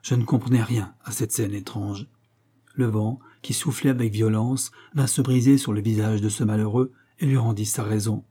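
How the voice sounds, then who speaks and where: A man narrating a classic novel in a steady, literary reading. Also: on the low side, moderate pace, slightly rough. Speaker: audiobook narrator. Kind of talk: scripted narration.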